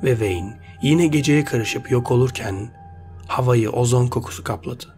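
A man reading out a sci-fi short story as its narrator, in a steady, measured voice. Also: medium pitch. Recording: faint background music.

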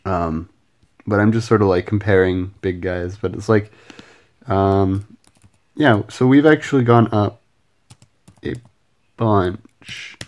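A man's voice: fairly low pitch, slow pace, long pauses, a little mellow. A man talking casually to his camera late at night in a rambling way, full of fillers and self-deprecating asides. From Canada. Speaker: vlogger. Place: home at night. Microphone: camera mic.

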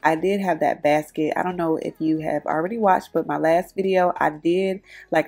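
A woman's voice: low-pitched, darkish tone, breathy edge. A woman, chatting to viewers in a voice-over as she cleans her home. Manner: chatty, addresses viewers as y'all. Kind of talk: casual voice-over narration.

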